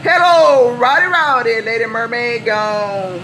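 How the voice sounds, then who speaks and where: An American woman works as a CB radio operator, bantering in folksy slang and repeating calls, handles and sign-offs. Her fairly high voice is a bit bright and a little slow, heard over a noisy live CB setup.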